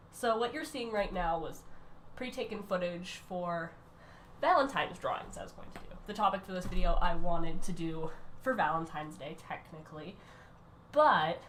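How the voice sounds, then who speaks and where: A young-sounding woman talks over her drawing footage in a loose, rambling way, losing her thread and starting over. She is sick, and her voice sits at an ordinary middle pitch. A faint noise runs underneath. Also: a bit bright. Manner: rambling, self-interrupting, quick bursts. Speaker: art channel creator.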